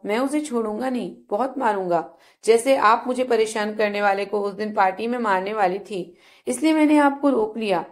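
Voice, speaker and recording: A woman's voice: fairly high pitch, lightly acted. A woman reading a storybook voices a childlike, troubled young man who pleads and begs over and over. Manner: pleading, repeats requests like a child.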